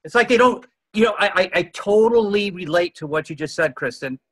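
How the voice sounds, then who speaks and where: A man speaks as a guest on a casual talk show, earnest and rambling, with his voice pitched a little high. He fills his pauses with "uh" as he goes. The sound is dry and close, with no room echo. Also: expressive, fairly bright tone. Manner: rambling, earnest, frequent "uh" fillers. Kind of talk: casual chat.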